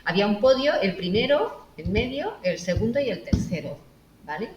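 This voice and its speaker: Animated woman host, echoey room. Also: medium pitch, moderate pace, muffled recording. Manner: animated storyteller, acts out quotes. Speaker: interview host. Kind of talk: casual conversational interview. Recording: echoey room with faint noise.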